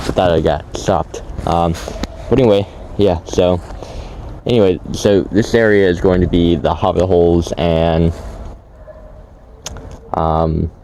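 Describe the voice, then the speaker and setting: A low, dark-toned man chats loosely at a camera outdoors, full of ums and restarts. He is shivering in the cold, and his voice cracks now and then. Faint outdoor noise sits behind him. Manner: rambling, many fillers and restarts. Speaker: outdoor building vlogger. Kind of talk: casual vlog narration. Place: outdoors by a creek.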